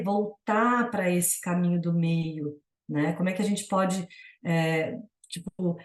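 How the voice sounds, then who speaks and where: A woman's voice: mid-range voice, darkish tone, reverberant. Brazilian woman giving a reflective talk. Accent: Brazilian Portuguese. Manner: casual and reflective, many fillers like "né?". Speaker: yoga teacher. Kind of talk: teaching satsanga talk.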